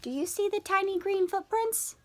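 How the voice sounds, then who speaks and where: Here a female teacher reads a children's picture book aloud at a moderate pace, her voice very high. She tells the story with animation and expression, asking the kids questions along the way.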